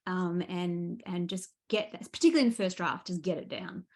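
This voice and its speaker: An Australian woman, appearing as a guest author in a relaxed interview, tells her stories with lively enthusiasm. Her voice sits fairly low and she talks at a fairly quick pace.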